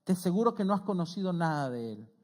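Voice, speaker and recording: A middle-aged man, a pastor preaching a conversational sermon who often checks in with his listeners and rises in pitch and volume when he quotes scripture. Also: sing-song, fast, a little mellow. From Argentina. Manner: earnest, conversational preaching with frequent "¿sí?" check-ins.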